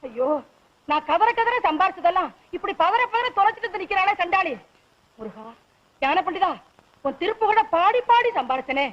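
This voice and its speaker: A woman's voice: high-pitched, big pitch swings, a little fast, long pauses, muffled recording. A wailing dramatic mother. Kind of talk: film comedy scene.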